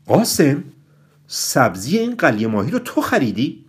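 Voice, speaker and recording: A bossy older head of the family, voiced by a man reading a story aloud. He talks loudly and commandingly, drawing his words out when he praises. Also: medium pitch, animated, pitched above the performer's own voice, close to an everyday voice.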